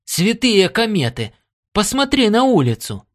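A man voicing a jolly, boisterous Irish spacefarer with a frog-like grin, exclaiming excitedly in an audiobook. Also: medium pitch, normal speed, no echo, clean studio sound, natural voice. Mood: exuberant.

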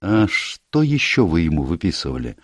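A man's voice: sits low, big pitch swings, moderate pace, slightly rough, no room sound, studio quality, heavily acted. A man voicing a tired, cautious older lawyer in an audiobook, probing and careful in his questions. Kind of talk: audiobook character reading.

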